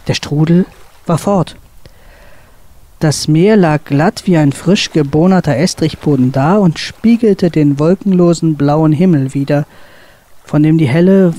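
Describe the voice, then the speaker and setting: A woman author reading a dramatic sea story aloud on a radio show, expressive and building tension. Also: sits low. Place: radio studio.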